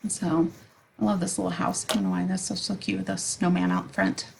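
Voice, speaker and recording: Woman crafter chatting thru a card tutorial, bit gravelly, lots of ums, faint hiss behind. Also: on the low side, level tone, brisk. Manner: chatty, giggly, with frequent ums. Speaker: card-making video host. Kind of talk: casual crafting tutorial voice-over.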